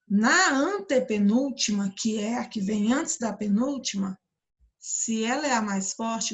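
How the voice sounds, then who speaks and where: A woman teacher with a Brazilian Portuguese accent explaining a grammar lesson, drawing out example words slowly and often checking that the listeners follow. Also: mid-range voice, husky. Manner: slow, stretched-out pronunciation of example words; frequent check-ins with listeners. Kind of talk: recorded classroom lesson explanation.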